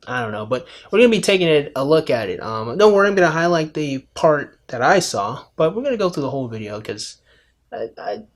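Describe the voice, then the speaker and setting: A man hosting a casual video response, talking through a clip in a conversational, lecturing way and often saying "my friend". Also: fairly high pitch. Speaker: commentary video host.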